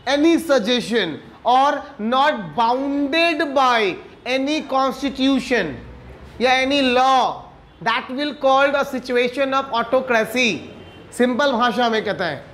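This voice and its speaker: A man with an Indian accent and a very high-pitched, fairly bright voice lectures a class on civics. He switches between Hindi and English, poses rhetorical questions to himself and checks in with his students.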